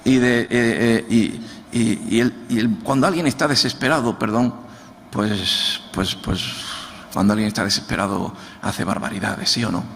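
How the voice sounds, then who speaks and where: A pastor from Andalusia, Spain, preaches a sermon in Andalusian-accented Spanish, often repeating words as he searches for them and asking the congregation to answer back. His voice is on the low side and fairly bright, at normal speed. The church hall adds long reverb and faint noise.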